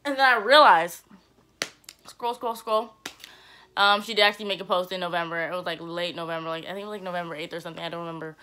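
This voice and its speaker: A young woman vlogging in a casual, slangy, animated way, gossiping about reality-TV couples. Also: lowish voice, quick pace, slight background noise. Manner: chatty, slangy and animated, with playful asides.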